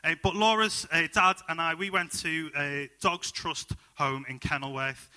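Man, Liverpool accent, young adult, preacher, casual sermon, jokey, fairly high voice. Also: fairly even intonation, measured pace, sharp tone, clear, resonant tone. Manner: chatty, jokey and upbeat, many ums. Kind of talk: sermon with personal stories.

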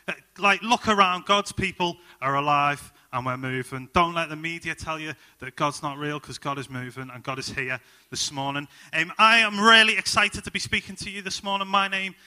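A man's voice: fairly high pitch, normal speed, few pauses, bright, forceful tone. A young man with a Liverpool accent preaching a sermon full of personal stories, upbeat and jokey, with plenty of ums.

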